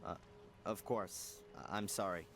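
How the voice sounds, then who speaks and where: A man's voice: low voice, steady tone, unhurried, creaky, background noise. An actor playing a polite young male student in a video game, speaking hesitantly with many uhs. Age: young adult. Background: game music.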